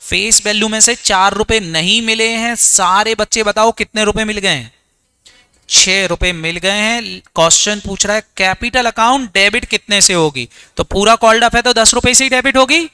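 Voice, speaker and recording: Bright, crisp male teacher quizzing students. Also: moderate pace. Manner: quizzes students, answers his own questions in a low voice; mixes English terms into Hindi. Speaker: accounts teacher. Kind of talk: exam revision lecture.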